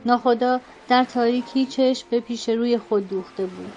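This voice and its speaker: A woman narrating a novel as an audiobook in a measured, dramatic storytelling manner. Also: on the high side, darkish tone, lo-fi sound, a little hiss or hum. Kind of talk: scripted narration.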